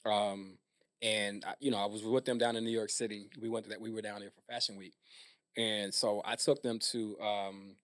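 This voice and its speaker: A man co-hosting a podcast who talks in a relaxed, chatty way with many fillers. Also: lowish voice, moderate pace. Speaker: podcast co-host. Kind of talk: casual podcast interview.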